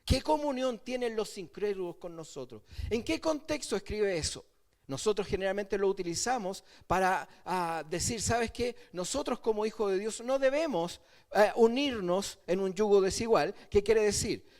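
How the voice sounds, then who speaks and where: A man's voice: high voice, normal speed, darkish tone. A male pastor, preaching a sermon in a conversational way and often checking that the congregation follows.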